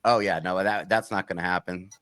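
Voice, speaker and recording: A man's voice: sits low, fairly even intonation, brisk, a bit bright, no echo. A man who runs a true-crime channel, talking as a guest on a video call, hedging and restarting often. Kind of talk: casual panel discussion.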